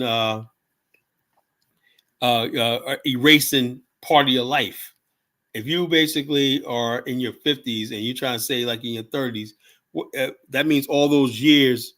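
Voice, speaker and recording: A man's voice: mid-range voice, a bit bright. A man in his seventies talking casually on a livestream, rambling and blunt, swearing freely and tagging lines with "you know?". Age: 70s. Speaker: livestream host. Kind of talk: casual live-stream monologue.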